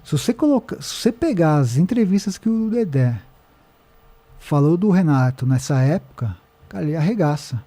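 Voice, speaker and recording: A man with a Brazilian accent, a podcast guest who tells a story in an animated way and quotes people as he goes. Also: on the high side, normal speed. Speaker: podcast guest, documentary director. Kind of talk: casual podcast conversation. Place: podcast studio.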